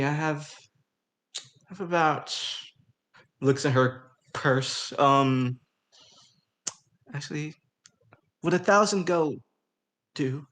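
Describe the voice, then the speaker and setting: Tabletop player, casual and hesitant, mid pitch. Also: a bit bright. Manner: hesitant, many restarts and fillers. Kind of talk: casual tabletop game play.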